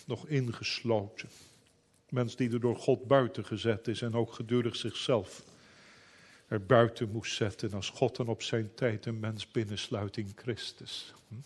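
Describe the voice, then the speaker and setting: Slow, solemn preacher. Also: male voice, medium pitch, husky. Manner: slow, solemn, old-fashioned biblical phrasing. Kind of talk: sermon.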